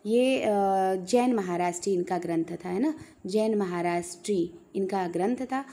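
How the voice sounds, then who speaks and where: A woman's voice: medium pitch, measured pace, dark tone, a little hiss or hum. A woman teaching an exam-prep lesson, patiently repeating key points and checking in with her students as she goes.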